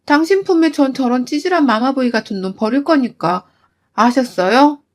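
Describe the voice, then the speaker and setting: A woman's voice: sits high, moderate pace, natural voice. A woman voicing her younger self as an angry wife, talking back sharply and raising her voice. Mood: furious. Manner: sharp, defiant, shouting. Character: furious fed-up young wife.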